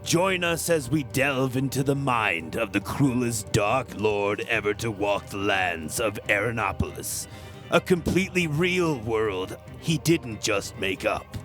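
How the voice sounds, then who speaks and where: A man playing an ominous horror host, giving a theatrical scripted introduction to dark tales. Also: medium pitch, animated, unhurried, soft background music. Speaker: show announcer.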